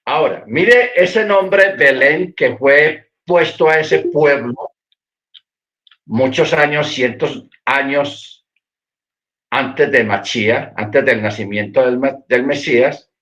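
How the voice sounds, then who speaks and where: Man, mid-pitched voice, storytelling Bible teacher, muffled lo-fi stream. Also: slow, fairly bright tone. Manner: storytelling, repeats words while searching for them. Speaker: Messianic Torah teacher. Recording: dull, lo-fi internet stream.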